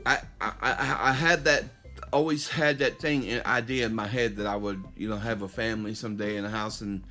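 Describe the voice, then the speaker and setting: Over soft background music, a middle-aged podcast host with a fairly low, fairly even, sharp voice speaks briskly. He delivers a fervent, sermonizing opinion piece directly at his listeners, with frequent restarts.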